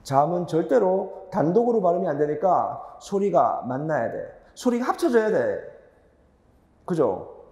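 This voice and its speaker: A man's voice: on the high side, sing-song, a little slow, mellow, reverberant, long reverb tail. A man teaching grammar in a lecture, asking students rhetorical questions and repeating key points with emphasis.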